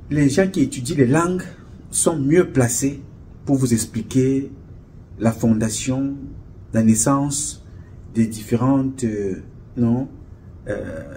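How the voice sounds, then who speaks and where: Man, measured spokesman delivery, mid-pitched voice, faint hiss behind. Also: animated, mellow. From Cameroon. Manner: solemn, measured, rhetorical, repeats and lists words. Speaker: association spokesman addressing followers. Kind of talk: direct-to-camera address. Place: indoor studio with camera crew.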